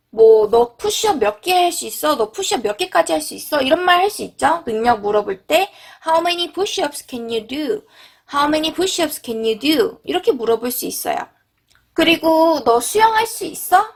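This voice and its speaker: A woman teaching an English lesson, repeating English phrases slowly and clearly. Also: sits high.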